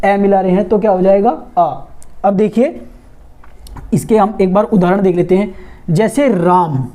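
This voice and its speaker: Woman teacher, warm mellow voice, quizzes the class then answers herself. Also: medium pitch. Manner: asks questions and answers them herself, repeating and drawing out sounds. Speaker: Hindi teacher. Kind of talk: grammar lesson for exam students.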